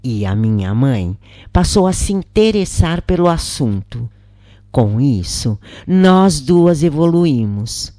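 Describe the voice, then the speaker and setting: Slowly and reverently, a woman reads a channeled spirit's story in the first person, lingering over each phrase. Her mid-pitched voice is soft and mellow, captured close and dry with no room sound.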